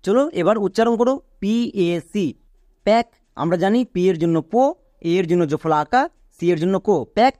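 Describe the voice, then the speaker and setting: A man with a high voice teaches an English reading lesson. He explains each rule patiently and repeats it, and he spells words out slowly letter by letter. The sound is dry and close, with no room echo. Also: darkish tone. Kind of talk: online phonics lesson.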